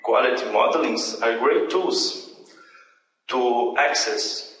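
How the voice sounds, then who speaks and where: A young Brazilian man with a Brazilian Portuguese accent presents at an academic conference in English, his mid-range, fairly bright voice halting through frequent fillers and self-corrections. He speaks into a handheld mic in a large, dim lecture hall with a projection screen, captured through the room speakers by a distant camera. The far-off recording is echoey, with a little hiss or hum.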